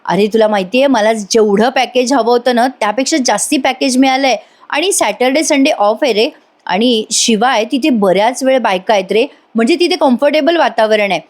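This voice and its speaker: An earnest young mother from a TV serial talks about her new job, read by a woman recapping the show. Her voice is somewhat high and chatty. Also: fairly quick, natural voice. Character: young mother, relieved and worried.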